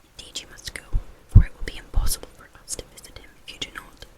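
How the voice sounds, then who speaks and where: A whispering reader narrating a classic novel in a breathy, unvoiced ASMR whisper. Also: fast talker.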